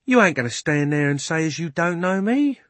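A man reading aloud gives a cabby, high and loud, with a rough drawl. He grumbles with indignation, blunt and stubborn, like a working man who feels wronged. The storybook voice is dry and close. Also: expressive, moderate pace, no room sound. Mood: indignant. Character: male cockney cabby, blunt and loyal.

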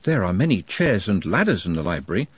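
A man voicing a meek, polite creature with a quiet, weary voice and formal, precise wording, in a storybook reading. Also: mid-range voice, very animated, moderate pace, breathy edge, no echo, voice pushed up. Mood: meek, guarded. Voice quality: quiet, faint voice.

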